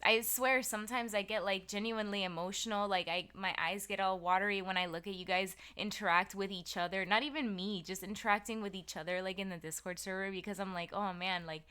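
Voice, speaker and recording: A woman's voice: mid-range voice, steady tone, brisk, hardly any pauses, sharp tone, clean tone. A woman streamer chatting casually and earnestly with her chat, full of filler words. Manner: talks straight to chat, filler-heavy, earnest.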